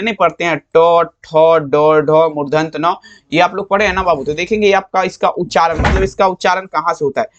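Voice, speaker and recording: A man's voice: high voice, fairly bright tone. Man coaching students. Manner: affectionate, repetitive coaching, calls students dear children. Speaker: teacher. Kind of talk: exam answer walkthrough for students. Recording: slightly dull lo-fi sound.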